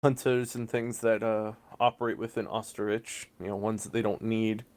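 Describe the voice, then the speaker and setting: A man's voice: on the low side, little pitch movement, normal speed, a little mellow, natural voice. A man voicing a polite male arms-factory salesman with courteous sales patter in a tabletop game. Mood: salesy.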